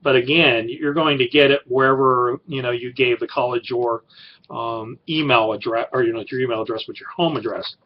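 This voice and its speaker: A man's voice: medium pitch, fairly even intonation, moderate pace, muffled recording. A middle-aged man who teaches college writing, giving a class introduction in a rambling way with many fillers and restarts. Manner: rambling, filler-heavy, self-correcting.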